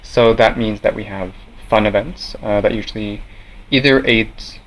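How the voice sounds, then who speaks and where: A young man from Norway, a student association president, answering interview questions in a measured way with many fillers and restarts. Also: fairly low pitch, fairly even intonation, low-quality recording. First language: Norwegian. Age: young adult.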